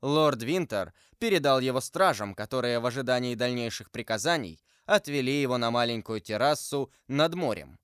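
A man narrating a classic novel in an even, measured storytelling voice. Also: mid-range voice, clean tone, no echo, studio quality. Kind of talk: audiobook reading of a classic novel.

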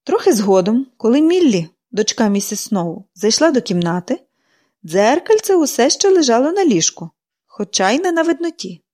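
Expressive woman narrating a storybook. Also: on the high side, moderate pace. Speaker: audiobook narrator.

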